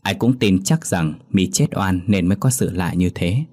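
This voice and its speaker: A man narrating a scripted ghost story in a steady, measured way. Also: low-pitched.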